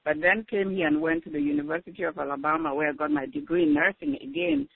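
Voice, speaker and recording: A woman's voice: lowish voice, lively intonation, quick pace, creaky, husky, dry recording. An older woman from Cameroon with a Cameroonian accent, explaining her background steadily as a guest on a phone interview. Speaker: guest author. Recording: phone-like narrow line.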